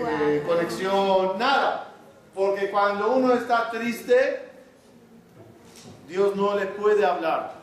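A man's voice: high voice, fairly bright tone. A man teaching a religious class to a live audience as a rabbi, often questioning the listeners and then answering himself. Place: large hall with an audience. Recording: very echoey hall, mic far off.

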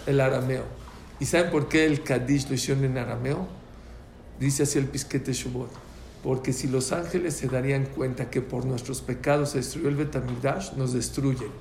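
Speaking at normal speed in a medium-pitched voice, a man leads a prayer class full of storytelling, acting out voices with animation. The recording comes from an echoey room with faint ambience and slight background noise.

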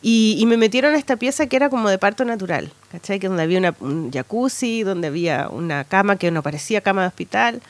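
A woman in her thirties with a Chilean accent, telling a story in animated casual chat as a podcast co-host. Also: medium pitch, fast, hardly any pauses. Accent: Chilean Spanish. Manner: animated storytelling with lots of slang tags.

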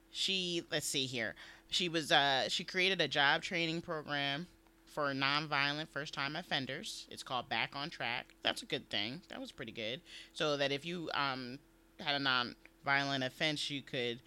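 A man's voice: medium pitch, bright, forceful tone, clean tone. A man co-hosting a podcast, talking casually about politics, laughing often and acting out what people say. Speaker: podcast co-host.

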